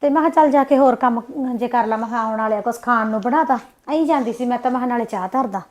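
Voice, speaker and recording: A woman with a Punjabi accent acting a young village wife in a short film, complaining and snapping back. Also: on the high side. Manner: sulky, complaining, quick retorts.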